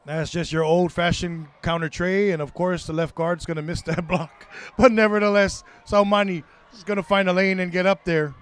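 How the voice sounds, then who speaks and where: Excitable play-by-play announcer, man, slightly high, smooth resonant voice, live game call. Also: normal speed, few pauses. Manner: excitable, corrects himself mid-call. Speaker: play-by-play commentator. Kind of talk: live football commentary.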